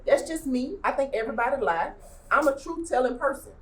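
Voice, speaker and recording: A woman's voice: sits high, animated, a little fast. A woman in a casual group chat, blunt, slangy and profane.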